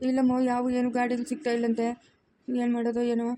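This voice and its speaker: A woman voicing an anxious, caring adult daughter who speaks softly and pleadingly. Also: on the high side, completely flat delivery, fast, natural voice.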